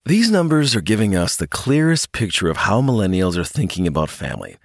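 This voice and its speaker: Lively low-voiced man reading news. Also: fairly quick, gravelly, dry recording, studio quality. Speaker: news podcast co-host. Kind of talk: scripted news narration and banter.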